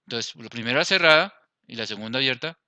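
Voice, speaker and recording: A man's voice: medium pitch, expressive, quick pace, pushed and bright, no room sound, dull audio. A man with a Colombian accent teaching a Spanish grammar lesson, explaining step by step and checking in with his class. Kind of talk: grammar lesson over slides.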